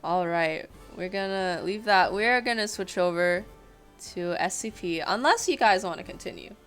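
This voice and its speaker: A woman's voice: mid-range voice, expressive, normal speed, a bit bright, soft background music. A young woman streamer doing a dramatic story reading with playful asides to her chat.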